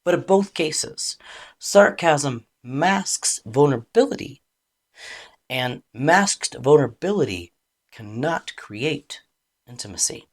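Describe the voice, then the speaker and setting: A woman relationship coach giving a calm, deliberate educational talk, explaining with expressive emphasis. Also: deep voice.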